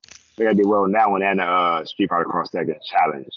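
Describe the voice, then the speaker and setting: A man's voice: low-pitched, quick pace, no echo, highs cut off. A man chatting casually and jokingly with friends, in laid-back slang. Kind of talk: casual chat.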